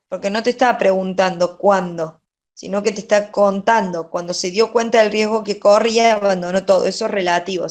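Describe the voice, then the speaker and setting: A woman teaching a grammar lesson, going over exercise answers patiently and often checking in with "¿sí?". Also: medium pitch. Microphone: online class.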